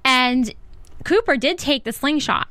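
A woman's voice: high voice, animated, unhurried, sharp tone. A woman co-hosting a casual TV recap show, chatty and upbeat, laughing often. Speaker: show co-host.

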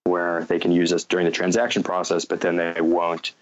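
Explaining his business as an interview guest, this American fintech founder from North Carolina has a low voice and an even, measured delivery. He falters into restarts now and then, and the audio is muffled and somewhat lo-fi, as on a call.

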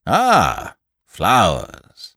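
A man doing a slow, pompous old gentleman. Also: fairly low pitch, huge pitch swings, no echo, studio quality, exaggerated voice. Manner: slow, ponderous, formal. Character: stern pompous older male nerve doctor.

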